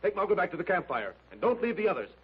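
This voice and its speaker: An actor playing Tarzan, a calm, decisive jungle hero, in 1930s radio drama style. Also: male voice, sits high, very fast, breathy edge, heavily acted. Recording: muffled old radio transcription, faint hiss.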